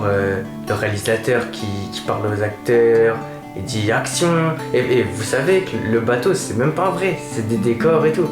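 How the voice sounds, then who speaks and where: A man playing a gushing twenty-year-old film fanatic in a mock video portrait, talking in a halting, repetitive, naively enthusiastic way. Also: on the low side, lightly acted. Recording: echoey room with guitar music.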